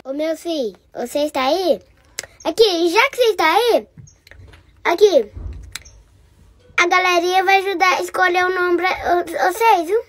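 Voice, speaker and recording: Casting: a gushing, hoarse old grandpa, very high and squeaky. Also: male voice, moderate pace, long pauses, fairly bright tone. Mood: doting. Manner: doting, gushing and affectionate. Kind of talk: comedy vlog character.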